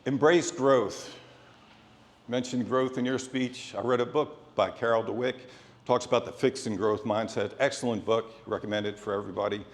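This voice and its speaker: A middle-aged man delivering a prepared, sports-themed motivational speech in an earnest, deliberate way, in short phrases with pauses. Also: lowish voice, fairly even intonation. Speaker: motivational speaker. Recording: echoey hall with long reverb.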